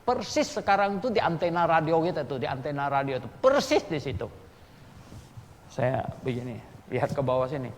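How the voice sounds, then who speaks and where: A pastor in his sixties preaching a sermon. He tells a personal story with lively, acted-out dialogue. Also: a little high, a little fast, hardly any pauses, long reverb tail, slight background noise. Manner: animated storyteller who acts out dialogue.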